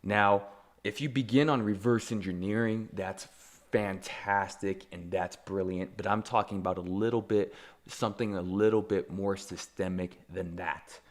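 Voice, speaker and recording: A young man hosting his own podcast, speaking in an energetic, emphatic way with self-deprecating asides in a solo motivational monologue. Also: on the low side, moderate pace. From Taiwan. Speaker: podcast host.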